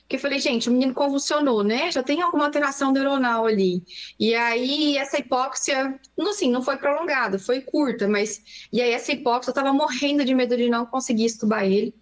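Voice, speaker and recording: A young adult Brazilian woman, a pediatrician, recounting a frightening story in an interview with fast, emotional narration. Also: sits high. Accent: Brazilian Portuguese. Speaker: pediatrician guest.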